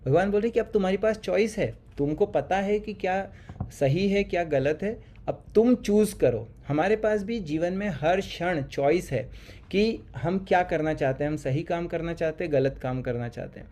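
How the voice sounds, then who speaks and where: A man teaching a scripture class online, pausing often with fillers and mixing English words into his talk. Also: sits high, mellow, slight background noise. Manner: hesitant, many fillers, mixes English words. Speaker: spiritual teacher.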